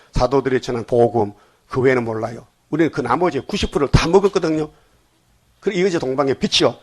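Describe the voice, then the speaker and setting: A man's voice: mid-range voice, breathy edge. An older man preaching a dawn sermon in a blunt Gyeongsang accent, often stopping to ask the congregation questions. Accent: Gyeongsang Korean. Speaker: pastor.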